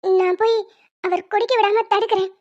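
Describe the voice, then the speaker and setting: Woman doing a super high squeaky cartoon wife, bossy, lectures a lot, dull lo-fi audio. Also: fairly even intonation, normal speed, dark tone, dry recording. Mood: firm. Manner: scolding, lecturing. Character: young wife, bossy and sensible. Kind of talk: cartoon voice acting.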